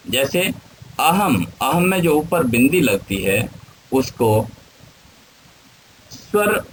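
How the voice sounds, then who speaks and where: A man teaching a grammar lesson, spelling out syllables one at a time in a deliberate lecture. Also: on the high side, slight background noise, rough recording.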